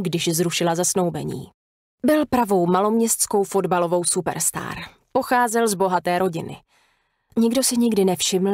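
A woman's voice: lowish voice, no echo, clean studio sound. Woman narrating a thriller audiobook. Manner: measured, even storytelling.

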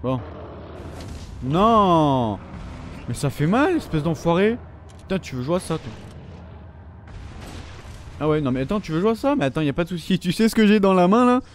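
Foul-mouthed French gamer taunting enemies. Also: male voice, a little high, moderate pace, long pauses, slight background noise. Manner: swearing, taunting enemies, animated. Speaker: gaming video host. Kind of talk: let's play commentary. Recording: faint game gunfire underneath.

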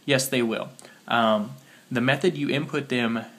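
A man's voice: mid-range voice, a bit bright. A man who is sick and sounds slightly muffled, giving a casual step-by-step phone tutorial as he works through it and spells things out. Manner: talking while working on a phone, spelling things out slowly. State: sick with a cold. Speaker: tutorial host.

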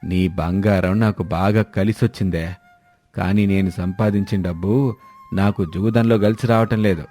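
A man's voice: sits low, fairly even intonation, measured pace, mellow. Man playing a harsh drunk husband, storybook tale, faint music behind. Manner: harsh, bullying. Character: drunk, abusive middle-aged husband, gambler.

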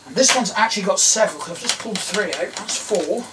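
Fast-talking with a high pitch and lively intonation, a middle-aged English video creator mutters and questions himself while working on old electronics. His camera mic is a bit removed in the small tiled workshop, so the clicks and clatter of tools come through as clear background noise.

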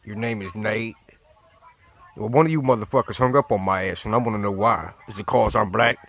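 A man's voice: on the low side, a little fast, vocal fry, a bit bright, highs cut off. A man playing a brash, profane prank caller who swears and demands apologies. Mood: belligerent.

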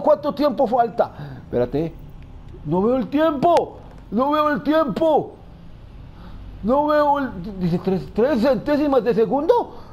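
Frantic gamer talking to himself. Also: male voice, very high voice, darkish tone, slight background noise. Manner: frantic, talks to himself, repeats words. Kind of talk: let's play commentary.

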